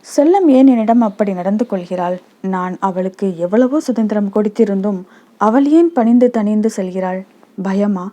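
A woman's voice: medium pitch, moderate pace, dark tone, lightly acted. A woman voicing an irritable young clerk husband who snaps curtly, in a storybook reading. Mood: puzzled. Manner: curt, snapping.

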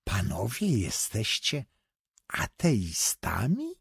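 A man voicing a mysterious, low-voiced foreign gentleman who speaks with slow, insinuating courtesy in an audiobook. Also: huge pitch swings, vocal fry, breathy edge, no echo, clean studio sound, heavily acted. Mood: courteous, wondering.

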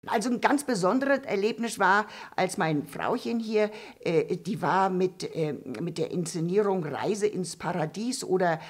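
This woman, pitched fairly low, gives an animated, slightly slow performance as a gossipy old female puppet on a dark theatre stage. The character rambles on, stammering, restarting sentences and filling gaps with fillers.

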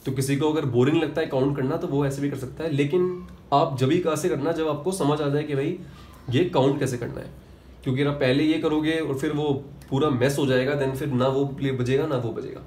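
A man's voice: a little high, fairly even intonation, brisk, a little mellow, a little hiss or hum. A young man from India, teaching piano, counting beats aloud and explaining step by step, mixing terms into his talk. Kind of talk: spoken piano lesson. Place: room with a piano. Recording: echoey room with piano playing.

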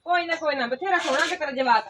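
A woman's voice: sits high, quick pace, pushed and bright, distant mic, slight background noise. A woman playing a stingy, impatient village housewife who orders her hired help around brusquely. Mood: bossy. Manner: brusque, dismissive, nagging. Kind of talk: amateur village drama.

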